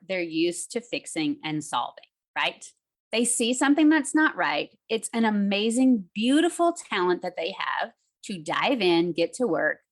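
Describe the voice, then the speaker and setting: A woman relationship coach talking in a casual podcast conversation, telling stories and acting out the voices she quotes. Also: mid-range voice. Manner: animated storyteller, acts out quoted voices.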